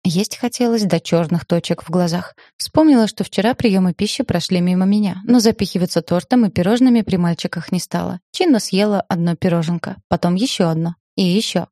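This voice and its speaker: Mellow woman narrating a novel. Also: fairly low pitch, a little fast, hardly any pauses, dry recording, studio quality. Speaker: audiobook narrator. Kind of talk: scripted first-person novel narration.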